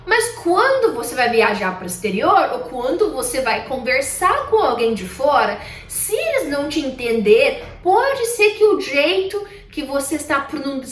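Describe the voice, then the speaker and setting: A woman who speaks natively, co-hosting a casual lesson and drawing out her example words. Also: high-pitched. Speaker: co-host, English speaker. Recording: echoey room, mic at a distance.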